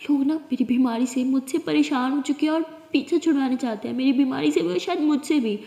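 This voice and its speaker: A woman voicing a young female lover who is moody and quick-tempered. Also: sits high, gravelly, warm tone. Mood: angry. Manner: sulky, angry outbursts. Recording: echoey room with long reverb.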